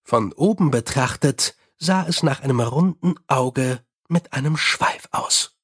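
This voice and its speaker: A man reading an audiobook in an even, measured storytelling manner. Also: medium pitch, breathy edge. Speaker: audiobook narrator. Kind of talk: scripted narration.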